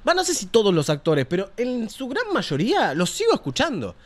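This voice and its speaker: A man's voice: high voice, huge pitch swings, fairly quick, a little hiss or hum. A man with an Argentine Spanish accent hosting a casual news commentary show, opinionated and profane. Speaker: show host.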